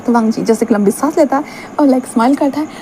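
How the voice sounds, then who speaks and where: Woman storyteller, quick chatty delivery, mellow tone, acts out dialogue lightly, slight background hum. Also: high-pitched, low-quality recording. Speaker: fan fiction narrator. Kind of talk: casual storytelling narration.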